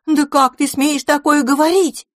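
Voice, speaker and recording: A woman playing a bossy, excitable little girl from a storybook, pitched well above an ordinary speaking voice. She is quick to take offence and says everything with a dramatic flourish, all heard dry and close. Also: dry recording. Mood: indignant. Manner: high, indignant exclamations.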